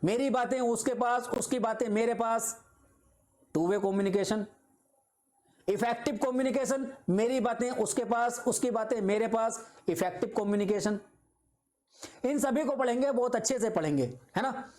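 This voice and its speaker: A man's voice: extremely high pitch, moderate pace, a little mellow. A man teaching an exam-prep video lecture. He explains patiently with simple examples, repeats his points and keeps checking in with his students.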